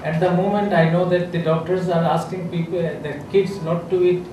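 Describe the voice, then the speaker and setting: Speaking on a panel in a conference room with a seated audience, a male government health official with a Bangladeshi English accent talks unscripted into a podium mic. His high-pitched voice is flat and brisk yet hesitant, full of uh fillers and restarts, heard from a distance in an echoey room with clear background noise.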